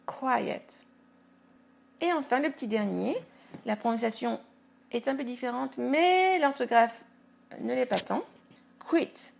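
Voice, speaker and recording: A woman hosting a podcast English lesson, explaining words slowly and carefully and spelling them out letter by letter. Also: on the high side, creaky, a little hiss or hum. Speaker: English teacher and podcast host.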